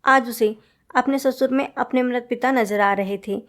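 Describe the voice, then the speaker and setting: A woman narrating a family story in a steady storytelling delivery. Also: fairly high pitch, moderate pace. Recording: roomy echo.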